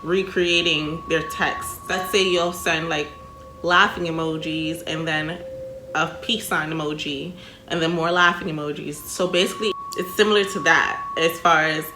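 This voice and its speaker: An American woman giving casual reaction commentary in an animated, emphatic way with plenty of swearing and slang. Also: low voice, normal speed, noisy background. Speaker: reaction video host. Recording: roomy echo, music behind.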